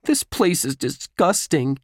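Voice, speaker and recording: A man reading a children's book aloud, voicing an excitable young boy who complains a lot, in a raised, lively voice. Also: fairly high pitch, moderate pace, no echo, studio quality, pitched above the performer's own voice. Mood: whiny.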